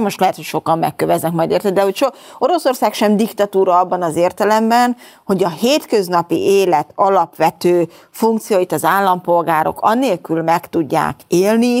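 Firm, low-voiced female analyst. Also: creaky, darkish tone. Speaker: political scientist guest. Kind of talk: studio political discussion. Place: studio.

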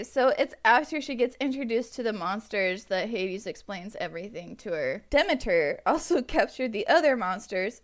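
A high-voiced woman talking slowly into her own microphone. She recaps a book for a podcast in casual chat, giggling, rambling, and often losing her place.

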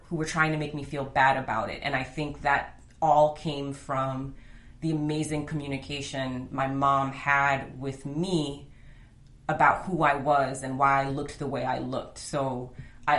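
With a rumbling low but fairly bright voice, a podcast host conducts a casual interview, bubbling with enthusiasm and tossing in "right?" to check in. The room around her is echoey.

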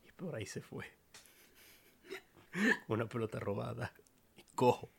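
A man's voice: medium pitch, steady tone, measured pace, vocal fry, a little mellow, husky. A man co-hosting a casual podcast, telling improvised stories in a playful, teasing way. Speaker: podcast co-host.

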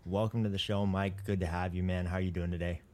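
A man hosting a casual sports podcast, opening with relaxed, friendly patter. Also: fast talker. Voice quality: deep voice. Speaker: podcast host.

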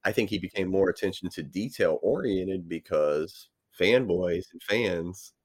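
A man's voice: low-pitched, a little slow. A man co-hosting a podcast, chatting casually about a novel, rambling with lots of fillers. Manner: rambling, many fillers like "you know". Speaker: podcast co-host. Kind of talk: casual book discussion.

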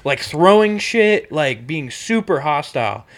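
A man in his twenties tells a story on a casual podcast, full of slang and swearing. His voice sits a bit high and jumps around a lot as he gets worked up. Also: measured pace, crowd noise. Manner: animated, swears a lot, says bro and like. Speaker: podcast host.

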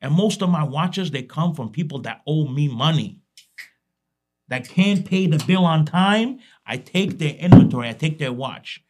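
A man's voice: on the high side, expressive, moderate pace, darkish tone. A man from Iraq, a watch dealer guest on a podcast, talking in a brash, streetwise, emphatic way. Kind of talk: casual podcast conversation.

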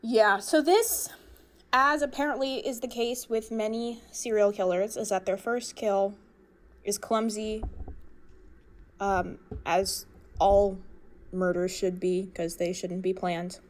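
A woman's voice: mid-range voice, fairly even intonation, slow pace. A woman co-hosting a casual recap chat in an easygoing, joking way. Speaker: podcast co-host.

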